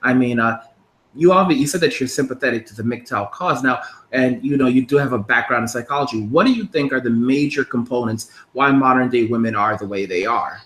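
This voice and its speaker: A man in his thirties hosts a casual talk and rambles from point to point, often restarting his sentences. His voice sits at a middle pitch. The recording is roomy and echoey. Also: a little fast, a bit bright. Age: 30s. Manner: rambling, with frequent restarts and laughs. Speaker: podcast host. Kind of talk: casual interview chat.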